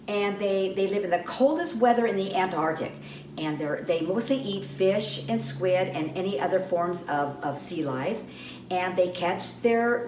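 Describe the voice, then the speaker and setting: A woman presenting birds to children, chatting in a slow sing-song way with bird puppets. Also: mid-range voice, a little mellow. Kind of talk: children's educational talk. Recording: echoey room, mic far off, faint background hum.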